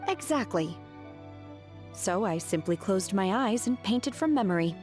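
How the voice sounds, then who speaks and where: A woman voicing a calm, solemn young female disciple in a video game, speaking in a composed, formal and literal way. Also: mid-range voice, measured pace, soft background music, close to an everyday voice. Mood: matter-of-fact.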